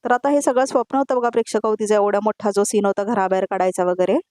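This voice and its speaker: A woman's voice: mid-range voice, fairly even intonation, quick pace, darkish tone, dry recording, clean studio sound. A woman with a Marathi accent narrating a voice-over recap of a TV serial, talking to viewers. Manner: addresses viewers, quotes dialogue in turn.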